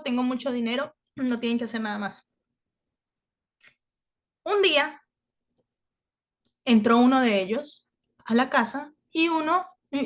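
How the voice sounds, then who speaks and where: A woman teaching through a story, acting out the quoted voices with lively expression. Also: high voice. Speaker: religious teacher. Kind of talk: storytelling lesson.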